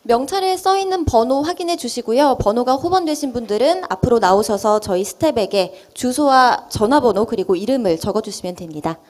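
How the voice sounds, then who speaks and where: A woman's voice: on the high side, lively intonation, a little fast, few pauses, a little mellow. A woman working as an event host, announcing lucky draw numbers in a formal, polite manner.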